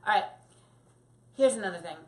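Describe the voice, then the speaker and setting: A woman dog trainer talks through puppy training tips in a casual, lively way. Now and then she acts out a quick voice for the puppy or the owner. Her voice sits at a middle pitch and rings with a roomy echo.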